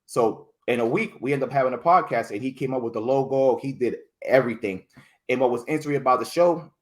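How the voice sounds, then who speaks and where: A rambling, animated man telling stories. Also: medium pitch, fast talker. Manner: rambling, restarts words often, many fillers; animated storytelling, voices others in quotes. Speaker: podcast guest. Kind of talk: casual interview chat.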